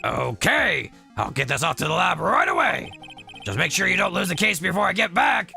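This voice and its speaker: Excitable, loyal police detective who answers loudly and eagerly. The voice sits far above the performer's own, as a man acts him out. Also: high-pitched, normal speed, vocal fry, soft background music, pitched above the performer's own voice, exaggerated voice. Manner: loud, excitable.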